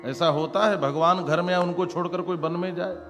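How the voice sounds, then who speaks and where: A man's voice: high-pitched, fairly even intonation, brisk, fairly bright tone. Man preaching with reverb and music. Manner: dramatic, switching into characters' voices, exclamatory. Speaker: Bhagavat katha preacher. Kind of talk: devotional storytelling sermon. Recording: long reverb with instrumental music behind.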